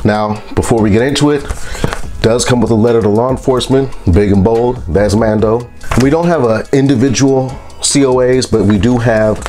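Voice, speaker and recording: A man with a fairly low voice, congested and stuffy from a sinus infection, reviews products in a vlog. His manner is relaxed and rambling, with frequent fillers.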